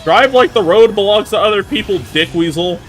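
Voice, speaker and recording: A man with a New York accent chatting casually while streaming a racing game, swearing, laughing and reacting loudly. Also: sits high, brisk, soft background music. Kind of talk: casual chat while gaming.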